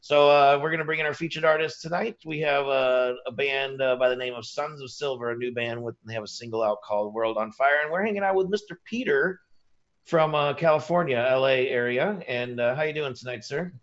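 A man's voice: mid-range voice, brisk, a bit bright. Casual male music-show host, easygoing jokey patter, dull lo-fi stream sound. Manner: laid-back, joking, loose with fillers. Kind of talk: casual live-stream chat. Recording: slightly dull lo-fi stream audio.

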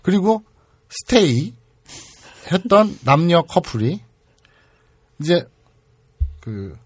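A man hosts a loose, joking talk show conversation in a husky voice. His delivery swings freely up and down from a slightly high register, and the sound is close and dry. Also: sing-song, drawn-out words, dry recording. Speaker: podcast host. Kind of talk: casual talk show chat.

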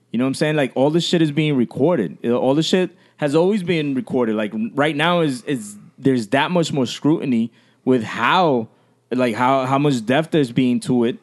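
Halting American man debating casually, mid-pitched voice. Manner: halting, repeats words, swears, checks understanding. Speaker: podcast co-host.

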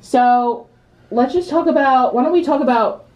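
A young woman co-hosts a podcast, rambling through casual chat, laughing and restarting her sentences. Her voice sits a little high. The recording carries a roomy echo. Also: moderate pace, a little mellow. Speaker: podcast co-host.

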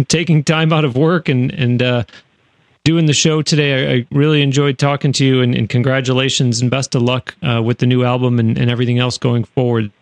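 A man's voice: mid-range voice, level tone, a little fast, dry recording. A man hosting a radio interview show, recorded in a studio. He talks in a chatty way, with frequent fillers and restarts.

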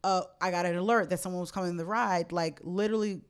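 A woman, co-hosting a casual podcast and telling animated stories with a lot of swearing. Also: fairly low pitch, a crowd in the background. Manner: fast, animated storytelling with swearing. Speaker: podcast co-host. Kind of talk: casual chat.

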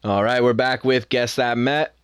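A man's voice: mid-range voice, a crowd in the background. Opinionated man talking sports. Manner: opinionated, animated, quick asides. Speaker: podcast co-host. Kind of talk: casual sports chat.

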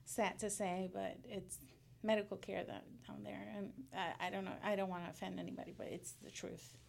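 A woman in her thirties from Puerto Rico, a guest in a casual interview, talking in halting bursts and laughing often. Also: mid-range voice, level tone, creaky, darkish tone, a little hiss or hum. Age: 30s.

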